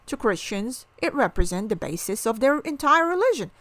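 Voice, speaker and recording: A woman's voice: fairly high pitch, sing-song, normal speed, a bit bright, dry recording. A middle-aged woman from Morocco, explaining culture and ethnicity in an educational talk, asking the viewer questions and giving examples.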